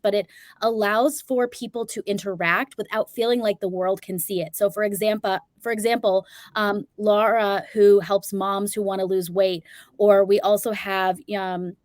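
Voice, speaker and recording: A woman's voice: mid-range voice, no room sound, studio quality. A woman co-hosting a live business webinar, speaking in an earnest, encouraging way. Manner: warm, encouraging, earnest delivery. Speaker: co-host and business coach.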